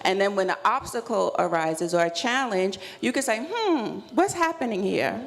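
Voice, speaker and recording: On a live panel in a room, a woman with a medium-pitched, animated voice reflects on self-care at a moderate pace. She sounds earnest and affirming, and the reverberant room carries clear background noise.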